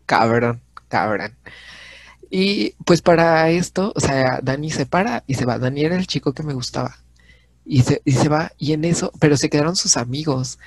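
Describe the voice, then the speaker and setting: A man's voice: on the high side, moderate pace, no room sound. A young man in his twenties with a Mexican accent, co-hosting a casual podcast and telling a story with frequent laughter. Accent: Mexican Spanish. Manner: lively storyteller, laughing often. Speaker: podcast co-host. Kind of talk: casual chat.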